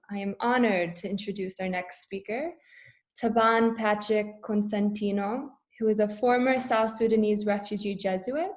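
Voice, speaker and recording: A woman's voice: on the high side, a little mellow. A woman moderating an online event, thanking speakers and reading out introductions.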